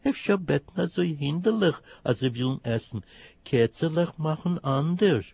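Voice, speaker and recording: A man voicing a hungry, stubborn little kitten in a high, plaintive mewing voice. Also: animated, moderate pace, gravelly, a little mellow, slightly rough, no room sound, heavily acted. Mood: refusing.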